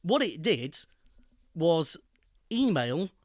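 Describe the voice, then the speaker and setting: A man co-hosting a podcast, voicing firm opinions on technology with deliberate emphasis. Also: fairly high pitch, big pitch swings, no echo, clean studio sound. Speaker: podcast co-host. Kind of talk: casual tech chat.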